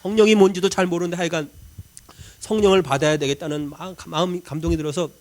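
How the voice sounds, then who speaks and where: High-voiced man preaching an emotional sermon. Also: steady tone, fast. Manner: emotional personal storytelling, swinging from loud pleading to hushed murmurs; acts out his own past prayers. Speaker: pastor.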